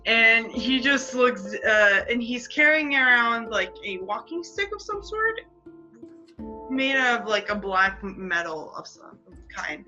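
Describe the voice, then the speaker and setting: A woman runs a tabletop game, describing scenes slowly through lots of fillers. Her voice is bright and a bit high, on a dull, lo-fi recording. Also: sing-song, faint music behind. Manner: rambling descriptions with many fillers and laughs. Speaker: game master.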